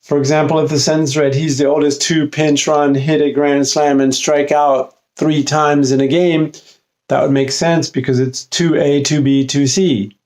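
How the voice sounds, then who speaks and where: A man's voice: a little high, flat delivery, a little mellow. Man giving a casual grammar lesson. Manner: casual, halting, many fillers and restarts. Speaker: English writing tutor.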